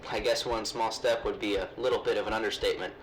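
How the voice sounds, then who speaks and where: A man voicing an astronaut on a spacewalk, speaking calmly over the radio from inside his spacesuit helmet with quiet awe and brief callouts. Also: lowish voice, fast, soft background music, rough recording. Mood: awed. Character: astronaut on a spacewalk, calm and awed. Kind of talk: amateur space-sim audio drama.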